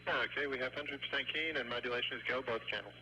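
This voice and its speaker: A man's voice: mid-range voice, quick pace, bright, forceful tone. A man working as a tracking station operator, giving terse check replies over a radio loop. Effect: radio transmission. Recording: noisy telephone-like radio loop.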